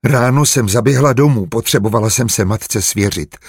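A man voicing a naive, anxious young female servant who speaks in a rushed, pleading way in an audiobook. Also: medium pitch, breathy edge, dry recording, clean studio sound. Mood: earnest.

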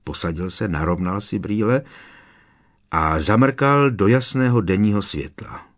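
A man reading a novel aloud as an audiobook narrator, in an expressive, dramatic way. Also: fairly low pitch. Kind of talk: scripted narration.

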